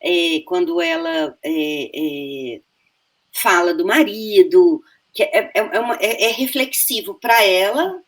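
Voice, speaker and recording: A woman's voice: on the low side, slow pace. A Brazilian woman, an actress, telling stories in a casual interview, full of restarts and acting out the lines she quotes. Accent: Brazilian Portuguese. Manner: animated, acts out quoted lines, many restarts. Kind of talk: casual conversational storytelling.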